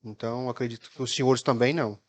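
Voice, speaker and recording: Halting Brazilian councilman from Minas Gerais. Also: medium pitch, steady tone. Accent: Brazilian Portuguese, Minas Gerais. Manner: halting, many restarts and fillers, measured. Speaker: city councilman questioning officials. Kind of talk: formal council session speech. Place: municipal council chamber.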